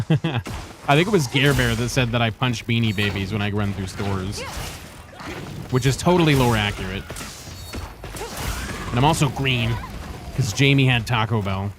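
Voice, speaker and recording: A man's voice: mid-range voice, a little slow, pauses often, background noise. A man streaming a game, chatting casually, laughing often and reacting to chat. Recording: game music in the background.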